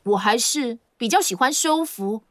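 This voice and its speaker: A woman's voice: fairly high pitch, lively intonation, normal speed, slight background noise, natural voice. A woman voicing an earnest young boy trainer who thinks his moves through aloud, in a cartoon dub. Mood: downcast. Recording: music behind, cartoon dub.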